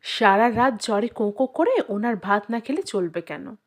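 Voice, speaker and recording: A woman voicing a sharp-tongued village mother who scolds her son with sarcasm, a little lower than her own voice. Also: normal speed. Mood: scolding.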